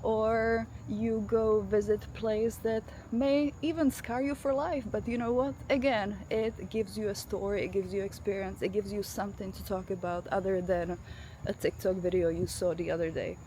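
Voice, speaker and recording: A woman's voice: mid-range voice, flat delivery, moderate pace, warm tone. A woman in her thirties from the Czech Republic, speaking English with a Czech accent. She gives an emphatic motivational talk straight to the camera while walking her dog outside. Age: 30s. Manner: emphatic, addresses the viewer directly. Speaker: vlogger. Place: outdoors in a neighborhood after rain, walking a dog. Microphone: self-filming camera with face tracking. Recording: outdoor noise of crickets and passing cars. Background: crickets, insects and traffic.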